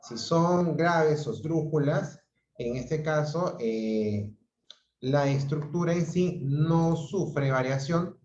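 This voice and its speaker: A man's voice: a little high, animated, slow, a little mellow. A man teaching an online grammar lesson, explaining patiently and often checking in with his students. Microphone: video call audio. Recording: roomy, dull lo-fi video call sound.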